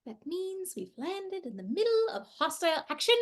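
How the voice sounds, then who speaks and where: A woman's voice: very high voice, very animated, normal speed. A woman voicing Donna, a fierce, blunt companion, in a fan audio drama. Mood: defiant. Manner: blunt and combative, shouts when angry.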